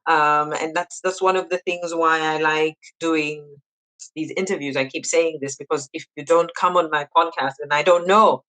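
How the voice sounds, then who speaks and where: A podcast host leads the interview in an effusive way and keeps repeating praise. The voice sits at a middle pitch and never goes high or low. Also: steady tone, moderate pace, pushed and bright, poor audio. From Zambia.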